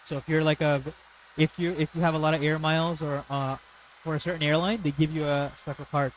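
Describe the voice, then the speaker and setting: A man's voice: a little high, level tone, fairly quick, slight background noise, poor audio. Chatty man answering viewer questions. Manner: friendly, reads viewer questions aloud, chatty. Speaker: live-stream co-host. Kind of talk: casual chat.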